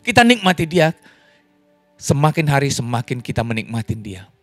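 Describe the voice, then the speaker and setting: A man preaching a lively sermon as pastor, in an online church service, joking and laughing with the congregation. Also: moderate pace, no echo, faint music behind. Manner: animated, wide pitch swings, jokes and laughs.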